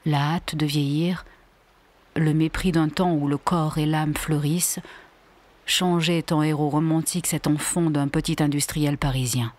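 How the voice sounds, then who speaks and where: A woman narrating a literary audiobook in a soft, lingering, often half-whispered breathy voice. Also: low voice. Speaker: audiobook reader.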